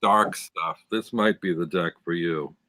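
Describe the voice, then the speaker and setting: A man's voice: low-pitched, a little slow, bright, forceful tone, a little hiss or hum. A man co-hosting a casual live-stream chat, talking enthusiastically and describing details over a video call. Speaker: tarot deck reviewer, co-host.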